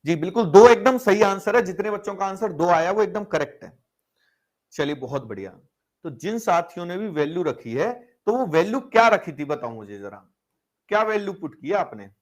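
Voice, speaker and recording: A man's voice: high-pitched, animated, brisk. A man teaching an algebra class online, working through problems step by step, asking rhetorical questions and urging students to reply. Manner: coaxing, keeps calling students brother and asking them to reply. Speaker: maths teacher.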